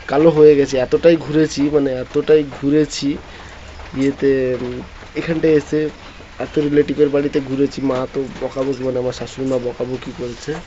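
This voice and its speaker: A man's voice: medium pitch, flat delivery, normal speed, warm tone. A man chatting casually in a home vlog, rambling with many restarts. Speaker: vlogger. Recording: dull lo-fi phone audio with faint noise.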